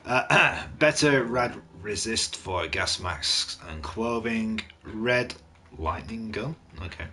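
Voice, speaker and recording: A man with a low voice talks through a run of game mods in a casual, off-hand way, reading the descriptions out and tossing in blunt asides. His voice sounds like it is starting to wear. A faint hiss sits under the recording. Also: expressive, slow, bright, forceful tone. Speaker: gaming channel host. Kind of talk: casual mod review commentary.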